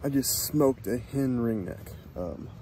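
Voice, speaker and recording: A man's voice: mid-range voice, takes it slowly, dark tone. A young man, chatting casually to an action camera from a kayak on an open lake, laid-back and drawling. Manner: laid-back, drawling, talks between shots. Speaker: hunting vlogger. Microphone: action camera mounted on the kayak. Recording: wind-buffeted action-camera audio. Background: wind and water noise.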